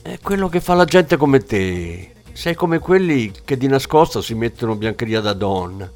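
A man's voice: mid-range voice, lively intonation, normal speed, darkish tone, soft background music, natural voice. A man voicing a hard-boiled, contemptuous police inspector in an audiobook, speaking in a scornful, cutting way.

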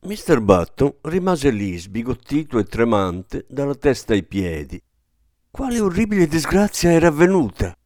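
A man's voice: mid-range voice, very animated, moderate pace, a little mellow, no room sound. A man narrating a story expressively and performing each character's voice. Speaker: audiobook narrator. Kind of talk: scripted narration. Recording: dry close studio sound.

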